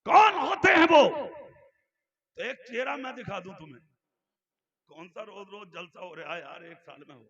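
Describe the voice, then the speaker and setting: A man preaching an Islamic sermon to a gathering in a North Indian Urdu accent, swinging from shouted rhythmic oratory to soft, intimate talk. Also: extremely high pitch, very animated, moderate pace, long pauses, muffled recording. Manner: sing-song rhythmic repetition. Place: outdoor religious gathering.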